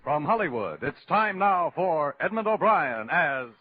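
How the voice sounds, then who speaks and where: A man's voice: fairly high pitch, very animated, unhurried, a little hiss or hum. A male announcer with an American accent, playing up a punchy, dramatic 1950s radio show introduction. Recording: lo-fi vintage radio broadcast with music.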